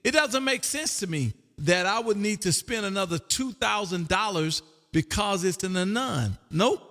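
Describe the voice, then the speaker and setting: Livestreaming from his home radio room, this amateur radio host and operator runs a relaxed ham chat in an exuberant, folksy, talkative manner. His high voice is expressive and a touch bright, moving at a moderate pace over soft background music. A long hall reverb hangs on the recording.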